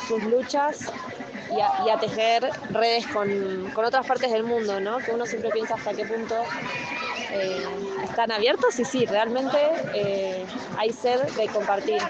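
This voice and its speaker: A woman's voice: fairly high pitch, slow. A woman in her thirties from Argentina with an Argentine accent, sharing reflective impressions at an outdoor community gathering. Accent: Argentine Spanish. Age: 30s. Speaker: event participant. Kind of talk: vox-pop interview. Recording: lo-fi outdoor field recording with loud crowd.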